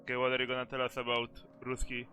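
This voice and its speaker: A man's voice: medium pitch, completely flat delivery, quick pace, pushed and bright, soft background music. A young man hosting a casual chat, speaking bluntly in slang with plenty of swearing. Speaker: host.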